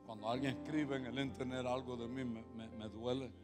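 A man preaching a sermon as pastor, moving from quiet confiding talk to loud, impassioned preaching and slipping in English words. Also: mid-range voice, fairly even intonation, a little fast. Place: large church hall. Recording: long hall reverb with music behind.

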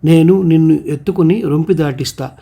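Mellow-voiced man telling a folk tale. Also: a little high, moderate pace, creaky, breathy edge. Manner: steady storytelling with voiced quotes. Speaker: storyteller. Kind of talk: scripted folk tale narration.

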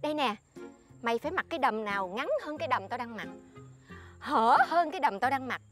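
With soft background music behind her, the actress speaks in a high-pitched, animated, somewhat bright voice at a brisk pace. Her Southern Vietnamese-accented character in the comedy sketch is a boastful, scheming friend who bossily lectures another woman and shows off.

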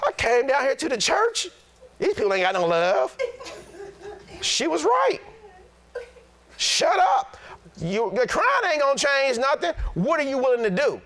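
A middle-aged pastor preaching a sermon in an animated, blunt, plain-spoken way. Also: male voice, extremely high pitch, moderate pace.

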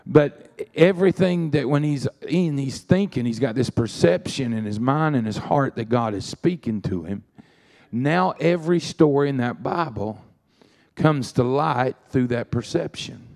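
A man's voice: medium pitch, a little mellow. A man preaching a sermon in a church, telling folksy stories and dropping frequent amens. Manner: folksy storytelling with frequent "amen"s.

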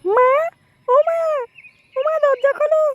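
A woman's voice: very high-pitched, very fast, no room sound, highs cut off. A woman doing an impatient young daughter. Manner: calling out, impatient.

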